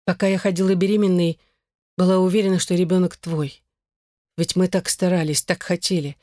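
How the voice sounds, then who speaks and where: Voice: mid-range voice, little pitch movement, brisk, darkish tone, no echo, clean studio sound, lightly acted. A reader voicing a remorseful young wife who pleads with her husband in an audiobook. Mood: pleading. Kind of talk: audiobook character voice.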